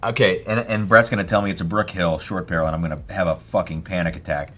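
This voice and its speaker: A man's voice: deep voice, steady tone, fast talker, pushed and bright, faint music behind. A man hosting a live whiskey tasting stream, exclaiming, swearing freely and thinking aloud as he tastes.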